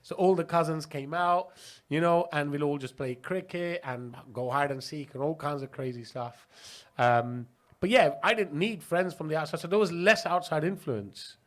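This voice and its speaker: Chatty man from Pakistan, higher voice. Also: normal speed, fairly bright tone. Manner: chatty, laughing, many restarts. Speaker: guest. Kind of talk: casual interview storytelling.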